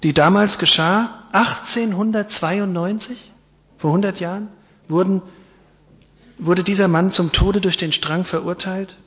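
A man's voice: sits high, fairly even intonation, measured pace, a bit bright. A male preacher telling a story in a sermon, earnest and dramatic, recorded with a long hall reverb in a church.

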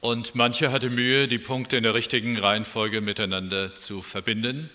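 Prediger mit hellem Klang im Hall. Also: male voice, medium pitch, steady tone, normal speed, sharp tone. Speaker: preacher. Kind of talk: sermon.

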